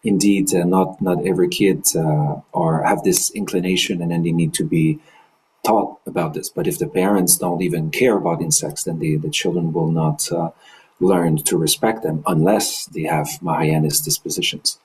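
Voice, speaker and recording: A man leading an online study discussion, speaking in a thoughtful, measured way. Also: sits low, steady tone, darkish tone, low-quality recording. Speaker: discussion leader.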